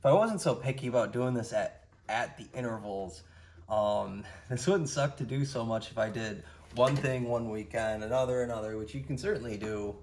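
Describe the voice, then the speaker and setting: A man giving a casual how-to walkthrough while working on a car engine, explaining each step in a plain, low-key way. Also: normal speed, darkish tone, slight background noise. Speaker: DIY car repair presenter.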